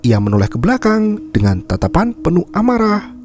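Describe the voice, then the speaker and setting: A man's voice: high-pitched, wildly swooping pitch, normal speed, darkish tone, faint music behind. A man narrating a film recap as scripted, dramatic storytelling.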